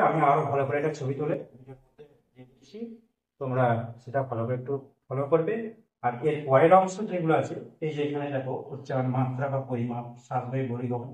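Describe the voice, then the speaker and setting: A man's voice: medium pitch, darkish tone. Man teaching a grammar lesson in an echoey room. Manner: explains step by step, asks and answers his own questions. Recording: echoey room, mic at a distance.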